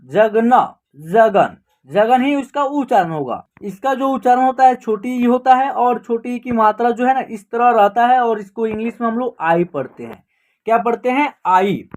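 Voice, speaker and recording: A woman's voice: a little high, darkish tone. A woman teaching an online class in Hindi, spelling out words step by step and asking and answering her own questions. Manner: asks and answers her own questions, repeats each word slowly.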